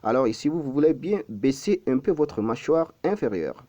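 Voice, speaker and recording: A man's voice: mid-range voice, very animated, moderate pace, mellow, muffled recording. A man teaching pronunciation in a patient lesson, repeating each word several times and correcting himself as he goes. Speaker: language teacher.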